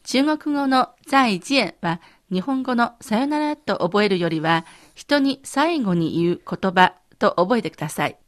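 A woman co-hosting a radio language lesson, modeling words with slow, careful pronunciation. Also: medium pitch, animated.

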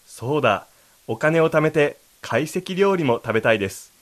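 A man's voice: a little high, lively intonation, normal speed. Guy co-hosting a language lesson, polite and explainy, voice moves around a lot. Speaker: co-host.

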